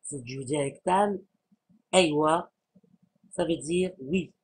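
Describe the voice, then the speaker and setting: A man giving a language lesson, patiently explaining and repeating sounds and words to demonstrate them, with some hesitant pauses. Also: fairly high pitch, slightly rough. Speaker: Arabic language teacher.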